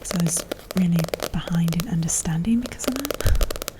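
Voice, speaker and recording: American lady whispering asmr, rambly casual chat, lowish pitch, noisy recording with clicks. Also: animated. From United States. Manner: soft, unvoiced whispering; rambling, halting, searching for words. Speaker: ASMR creator and host.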